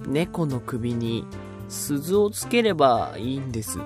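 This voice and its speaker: A man voicing a young male mouse who is timid and speaks softly and hesitantly. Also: mid-range voice, big pitch swings, takes it slowly, over music. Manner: hesitant, soft-spoken.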